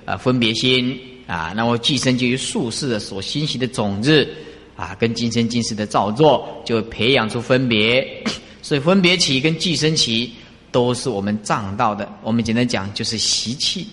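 A man giving a casual dharma talk as a Buddhist master, conversational and animated, often asking his listeners rhetorical questions. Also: mid-range voice, normal speed. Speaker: Buddhist master teaching disciples. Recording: reverberant hall.

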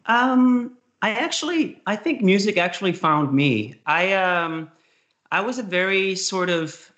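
A young Danish singer-songwriter with a Danish accent chats loosely as an interview guest, rambling and hesitant, full of fillers, restarts and laughs. His voice sits high and is a bit bright, with lively intonation and an unhurried pace. The highs are cut off in the recording.

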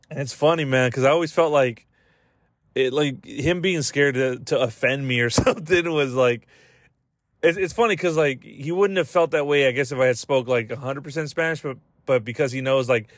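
A man hosting a podcast rambles in a casual, comedic way, using slangy, profane English to retell everyday exchanges. His voice is medium-pitched and a bit bright, with no room sound.

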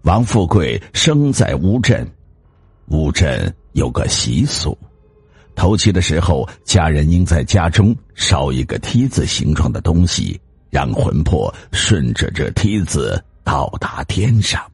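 Male storyteller, very deep, gravelly and husky, dramatic scripted narration with lively pitch. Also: takes it slowly, dry recording. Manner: expressive, dramatic.

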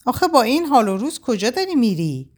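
Woman voicing a gentle coaxing young man. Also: on the high side, big pitch swings, slightly rough, voice pushed up. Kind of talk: audiobook character voice.

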